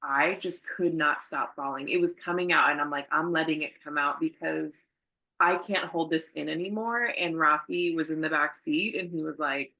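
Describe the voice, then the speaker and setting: A woman in her thirties hosting a casual interview, emotive and animated, acting out the voices of people in her stories. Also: sits low, moderate pace, low-quality recording. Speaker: host, acupuncturist.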